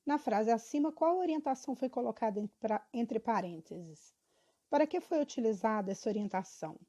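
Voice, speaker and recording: A woman's voice: a little high, expressive, moderate pace, mellow. A girl of about twelve, reading school questions and her answers aloud, evenly and with small stumbles. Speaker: student.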